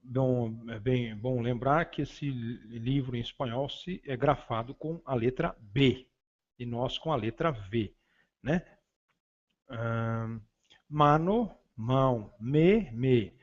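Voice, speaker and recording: A man's voice: mid-range voice, slow pace. A man who speaks Portuguese natively, teaching a beginner Spanish lesson and reading word pairs one at a time, stressing each term. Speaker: language teacher. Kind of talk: slow vocabulary drill lesson. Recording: dull lo-fi recording.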